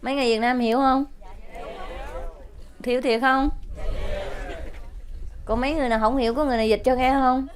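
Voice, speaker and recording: A woman spiritual teacher telling a joke to her audience, with animated, laughing storytelling. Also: high-pitched, brisk, long pauses, noisy background.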